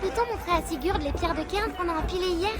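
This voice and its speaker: Young Viking child, high voice, earnest, polite, video game drama, music and crowd behind. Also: female voice, fast. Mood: eager. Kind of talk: French video game voice acting.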